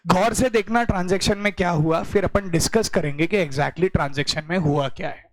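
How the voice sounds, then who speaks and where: A man's voice: high-pitched, fairly quick, dry recording, rough recording. A man teaching a commerce class, joking with students and switching into English to explain. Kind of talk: classroom lecture.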